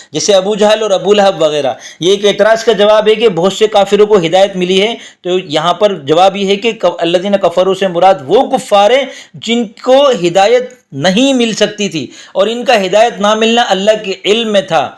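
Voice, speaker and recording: Brief: fairly high male voice, patient teacher, speech, simplifies and repeats. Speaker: teacher of Quranic commentary. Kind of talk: explanatory lesson.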